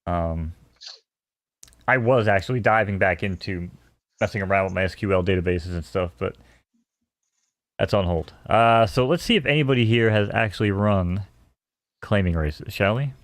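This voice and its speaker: A man's voice: fairly low pitch, normal speed, pauses often, no echo, studio quality. A man co-hosting a live stream, chatting loosely and casually with some swearing. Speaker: stream co-host.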